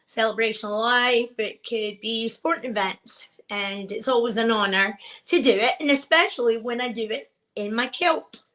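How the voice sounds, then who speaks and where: Woman from Scotland, sincere panelist, bright and fairly high voice. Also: normal speed, rough recording. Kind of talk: casual chat.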